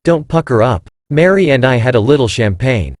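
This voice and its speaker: A cool, evasive middle-aged wife, voiced plainly by a male reader. Her lines rise and fall in a lively way and sit close and dry, with no room sound around them. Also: mid-range voice, normal speed, dry recording, close to an everyday voice.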